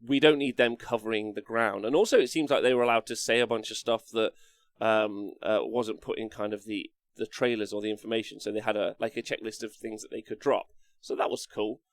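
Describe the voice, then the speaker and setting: A man hosting a casual livestream, rambling as he reads out and answers chat messages in an animated way. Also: lowish voice, a little fast, dry recording, clean studio sound. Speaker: streamer host reading and answering live chat. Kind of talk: casual livestream chat about tabletop wargaming.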